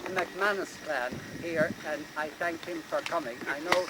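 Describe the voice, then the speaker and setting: A man acting as clan storyteller gives a formal, courteous, halting address outdoors. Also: fairly high pitch. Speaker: clan storyteller giving thanks. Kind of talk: outdoor ceremonial address, semi-improvised. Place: outdoors in open countryside. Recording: noisy outdoor amateur recording with clicks.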